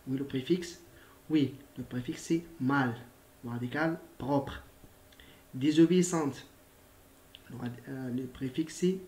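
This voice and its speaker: A male primary school teacher giving a recorded grammar lesson, patiently repeating himself, spelling out letters and filling pauses with hesitations. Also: mid-range voice, a little mellow, slight background noise. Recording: echoey room.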